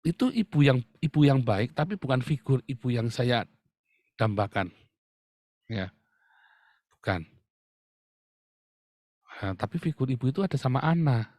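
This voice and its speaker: A man's voice: mid-range voice, expressive, unhurried, pauses often, a little mellow, dry recording, clean studio sound. A man preaching a sermon, often addressing the listeners directly and laughing as he talks. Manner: addresses the congregation as "Saudara" often, with humor and laughs. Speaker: pastor.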